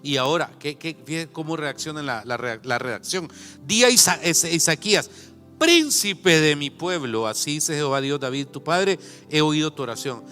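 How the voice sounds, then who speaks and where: Male pastor, Salvadoran accent, sermon, bright ringing tone, fairly high voice, long hall reverb, faint music behind. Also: expressive. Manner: reads scripture slowly, then breaks into folksy asides.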